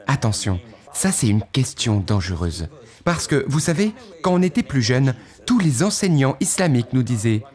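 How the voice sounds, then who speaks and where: A man's voice, mid-pitched and very animated, suited to an earnest testimony read. He's a guest telling his own testimony in the first person, recounting what he once thought with dramatic pauses.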